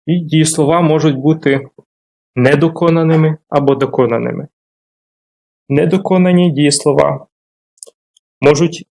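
A man, a language teacher, giving a formal, measured video lesson, reading out word pairs one by one. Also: mid-range voice, darkish tone. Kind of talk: video lesson on grammar terms.

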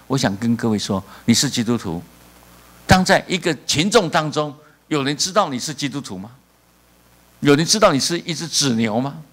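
A man's voice: on the high side, fairly bright tone. A man in his sixties, a pastor with a Taiwanese accent, preaching a sermon in a church and telling stories with acted dialogue. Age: 60s. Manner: storytelling, mixing in Taiwanese phrases and acted dialogue.

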